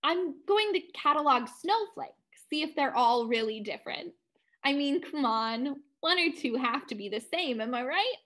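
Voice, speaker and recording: A woman's voice: high voice, expressive, normal speed, a bit bright. A woman voicing a clever schoolboy sleuth who talks politely and persuasively.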